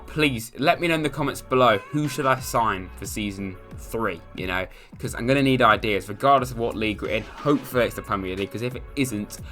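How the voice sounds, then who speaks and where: An English man in his twenties talks through his football career-mode match, his lowish voice sitting bright and forward. He drifts between quiet mumbled asides and sudden loud cheers. Faint music plays underneath. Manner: chatty, swings between mumbled asides and excited shouts at goals. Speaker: gaming youtuber. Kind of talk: casual gameplay commentary. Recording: light music behind.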